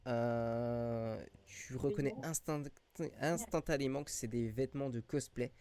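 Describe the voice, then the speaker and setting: A man's voice: medium pitch, unhurried, dark tone, a little hiss or hum. A man improvising tabletop game narration as game master, in a casual, slangy way.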